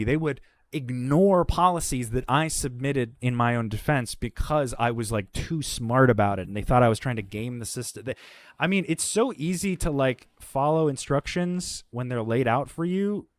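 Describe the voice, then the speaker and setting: A man's voice: mid-range voice, moderate pace, no room sound. A man speaks as a guest in candid, casual conversation, his voice sitting in an ordinary middle range. He tells his stories bluntly, swearing freely. The sound is dry, with almost no room around it. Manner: blunt, profane, animated storyteller.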